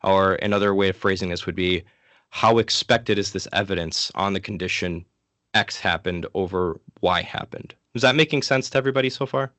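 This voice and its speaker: A man giving an informal, interactive lecture in a casual, conversational way, sick and low on energy. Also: a little fast, fairly bright tone, no echo. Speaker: guest lecturer from an online ministry.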